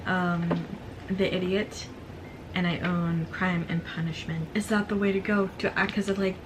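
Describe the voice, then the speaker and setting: Excitable girl doing a casual book haul, bit of vocal fry, strained throat, noisy background. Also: fairly low pitch. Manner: excitable, gushing asides. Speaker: book vlogger presenting a thrifted book haul.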